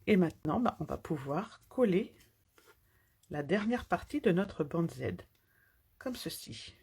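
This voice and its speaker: Woman papercraft demonstrator, low gravelly voice, lively pitch, chatty live tutorial. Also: unhurried, a little hiss or hum. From France. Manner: chatty, talks while working with hands.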